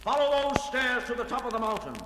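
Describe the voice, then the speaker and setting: A male actor with an extremely high, steady voice plays the proud, fervent leader of a primitive mountain people in a 1970s children's record drama. He speaks fast, urgent and reverent, declaiming solemnly like a preacher. Music and noise fill the background, along with cavernous hall reverb.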